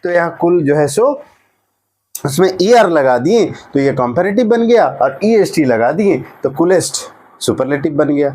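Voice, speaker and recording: Chatty man teaching grammar, fairly high voice. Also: lively intonation, normal speed, a little mellow. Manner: repeats "ठीक है ना" often, asks and answers his own questions. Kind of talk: explaining a grammar lesson.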